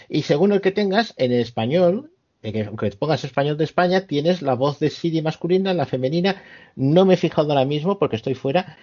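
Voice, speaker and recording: A man's voice: a little high, a little mellow. Man patiently explaining on a lo-fi call. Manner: patient, step-by-step explaining with hesitant fillers. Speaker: participant explaining a phone setting. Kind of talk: casual group video call. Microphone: video call. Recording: dull lo-fi video call audio.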